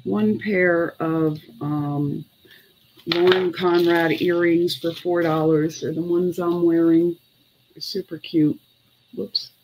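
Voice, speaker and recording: A woman's voice: on the low side, fairly even intonation, takes it slowly, a little mellow, a little hiss or hum, poor audio. A middle-aged woman chatting casually and unhurriedly as she sells items on a live online sale, sometimes muttering counts to herself. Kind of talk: casual live selling chat. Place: indoor room with clothes racks.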